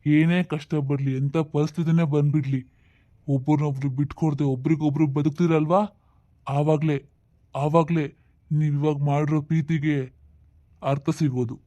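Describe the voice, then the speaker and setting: A man's voice: on the high side, flat delivery, moderate pace, pauses often, warm tone, lightly acted. A man playing a police officer giving fatherly advice to a young couple in a skit. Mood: stern, advising. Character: stern but kind police officer. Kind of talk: comedy skit acting.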